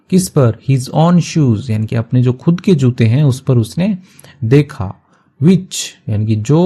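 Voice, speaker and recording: A man teaching English through a story, reading each English phrase slowly and then explaining it quickly in Hindi. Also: medium pitch, vocal fry, warm tone. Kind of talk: line-by-line story translation lesson.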